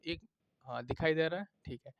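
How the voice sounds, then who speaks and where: A man's voice: fairly high pitch, a little fast, gravelly, dry recording, highs cut off. A man teaching a grammar lesson, checking in often with his students and explaining with everyday examples.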